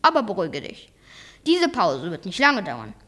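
A young reader voicing a calm, stern old professor uncle in a storybook reading, speaking slowly and evenly. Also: female voice, a little high. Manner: slow, calm and measured. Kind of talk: read-aloud storybook voice.

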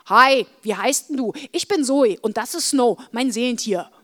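A woman voicing a cheeky teenage girl in a storybook, talking loudly and teasingly. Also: on the high side, normal speed, natural voice. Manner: brash, teasing, loud. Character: cheeky loud teen girl with a spirit animal.

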